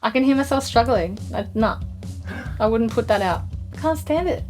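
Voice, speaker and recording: A woman's voice: fairly high pitch, expressive, moderate pace, a little mellow, soft background music. A young woman singer chatting between takes in a recording studio, self-critical and laughing often. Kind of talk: casual chat during a recording session.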